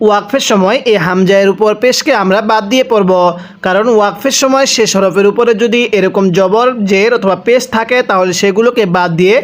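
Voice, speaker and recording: High, smooth-voiced male Quran teacher. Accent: Bangladeshi Bengali. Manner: spells out letters and vowel marks, then recites slowly. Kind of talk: step-by-step Quran recitation lesson.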